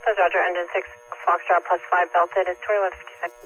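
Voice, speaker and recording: A fire dispatcher comes through a two-way radio, reading out calls quickly in a clipped, procedural way. The delivery barely rises or falls. The transmission sounds dull and lo-fi, with faint static underneath. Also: medium pitch, level tone, over loud music. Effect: heard over a two-way radio.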